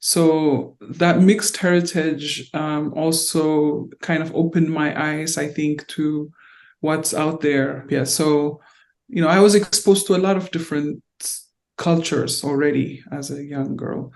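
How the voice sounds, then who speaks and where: A middle-aged woman speaks in an oral history interview. She was born in Ethiopia and raised in North Carolina, and she talks in a reflective, unhurried way. She pauses often and fills the gaps with small hesitations. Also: low voice, fairly even intonation, a little mellow. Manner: reflective, halting with frequent fillers. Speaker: interviewee, diplomat.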